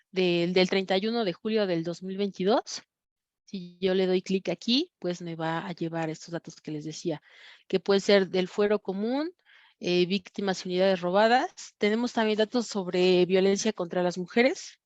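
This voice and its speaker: A woman with a Mexican Spanish accent teaching an online class, pausing often with fillers and correcting herself as she explains her screen. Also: mid-range voice, dry recording, muffled recording. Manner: many fillers and self-corrections. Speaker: course instructor. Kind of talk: screen-sharing lecture on crime data.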